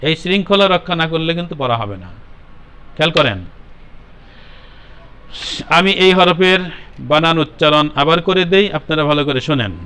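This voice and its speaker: Bangladeshi guy teaching kids quran letters in a classroom, kinda high voice, sharp tone, repeats everything patiently. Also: expressive, moderate pace, pauses often, clear, resonant tone. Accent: Bangladeshi Bengali. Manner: patient, repetitive, calls on pupils by name and corrects them. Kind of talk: drilling a class of children on letter pronunciation. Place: classroom with pupils.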